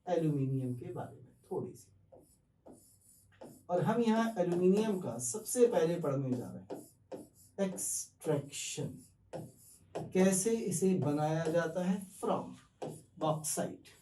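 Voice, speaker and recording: A man's voice: on the high side, lively intonation, slow, pauses often, mellow, recorded from a distance, a little hiss or hum. A man teaching chemistry, explaining step by step, asking questions and answering them himself, with English terms mixed into his speech. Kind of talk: classroom lecture. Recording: echoey room, voice off-mic.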